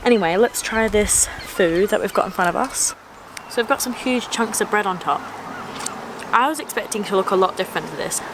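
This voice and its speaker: A woman's voice: medium pitch, a little fast. Chatty woman vlogging outdoors with street noise. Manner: chatty and upbeat, describing food and sights. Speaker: travel vlogger. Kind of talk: casual travel vlog. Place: outdoors and in a tea room, on the road.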